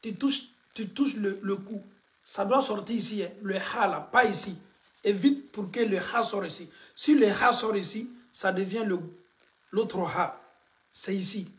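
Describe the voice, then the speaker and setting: A man, an imam teaching the call to prayer and drilling its pronunciation through slow repetition. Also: high-pitched, fairly bright tone. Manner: switches between French and Bambara, drills pronunciation by slow repetition. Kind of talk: religious lesson.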